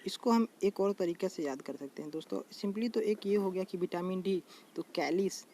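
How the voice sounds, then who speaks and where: Here the man's high voice carries a dark tone. He teaches a general knowledge lesson in an easygoing, repetitive style, greeting viewers as friends and slowly repeating terms against faint background noise.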